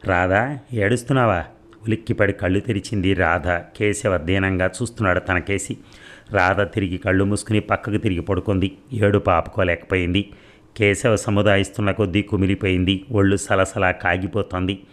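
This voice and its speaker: A man with a very deep, low voice reads a novel aloud. His narration is steady and measured, in a plain storytelling manner. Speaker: audiobook narrator. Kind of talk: novel reading.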